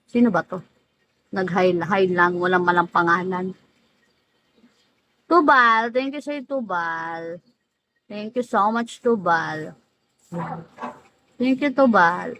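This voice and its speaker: A woman's voice: on the low side, takes it slowly, long pauses, a bit bright, a little hiss or hum, rough recording. A woman hosting a casual livestream, teasing viewers by name, laughing often and drawing out names. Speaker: livestream host. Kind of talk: casual live-stream chat greeting viewers.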